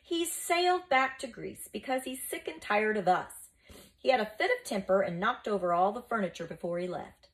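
A woman reading a storybook aloud, voicing an excitable young schoolboy who insists and exclaims. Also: mid-range voice, moderate pace, pitched above the performer's own voice, lightly acted. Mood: excited.

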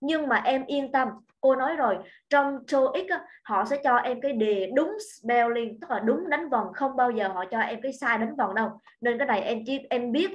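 A woman teaching an English grammar lesson online, explaining step by step and often checking that students follow. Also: fairly high pitch. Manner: patient, repeats points and checks understanding.

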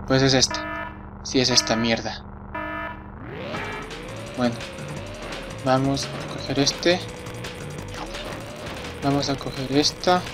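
A young man giving excitable, swear-filled commentary while playing a racing game. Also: medium pitch. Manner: excitable, swears a lot, reacts loudly to the race. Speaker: let's play gamer. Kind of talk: live gameplay commentary. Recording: game music behind the voice. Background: racing game music and sound effects.

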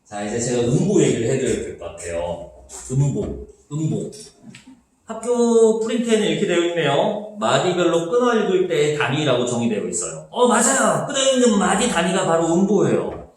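A young male teacher gives a lively, chatty lecture, often asking a question and answering it himself. His voice sits a little high and swings widely in pitch. The sound is very echoey and comes from some distance from the mic. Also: normal speed. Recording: echoey room, mic far off.

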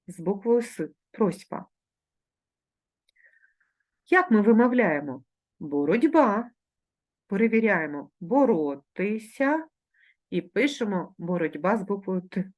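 A woman with a Ukrainian accent, a primary school teacher giving a recorded online lesson, dictating words slowly and clearly. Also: mid-range voice, darkish tone. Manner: slow, carefully articulated dictation of words.

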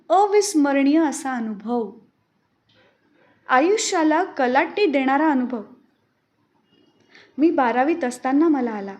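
A woman narrating a first-person devotional story for a podcast, reading in a measured, reverent way. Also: sits high. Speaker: podcast reader.

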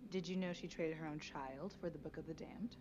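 A woman's voice: low voice, steady tone, fairly quick, lightly acted. An actress playing a witch who reads riddles aloud and passes on gossip, with a dramatic manner. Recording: dull audio under loud film score.

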